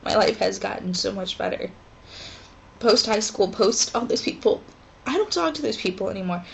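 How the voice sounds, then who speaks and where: A woman in her twenties talking haltingly and emotionally in a personal vlog from her dorm room, with pauses and sighs. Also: medium pitch, expressive, creaky, slight background noise, low-quality recording. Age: 20s. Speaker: vlogger.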